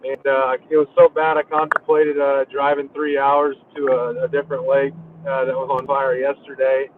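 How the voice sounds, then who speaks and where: A man's voice: medium pitch, completely flat delivery, normal speed, background noise. A man calling in as a tournament angler, talking casually and apologizing as his connection breaks up and cuts out. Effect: breaking-up call connection that cuts out. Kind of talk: casual chat over a call. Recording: tinny phone-like call line.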